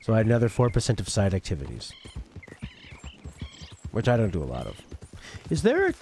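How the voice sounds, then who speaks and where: A man's voice: on the low side, huge pitch swings, brisk, darkish tone, slight background noise. A man chatting casually while streaming a game, rambling and joking between plays. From outside the UK. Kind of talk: casual gameplay commentary.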